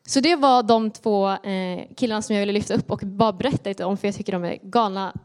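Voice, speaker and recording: A woman's voice: medium pitch, a little mellow, smooth. A young woman with a Norrland Swedish accent telling stories to a youth audience in a casual, chatty way full of fillers. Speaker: youth ministry speaker. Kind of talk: storytelling talk to a youth audience.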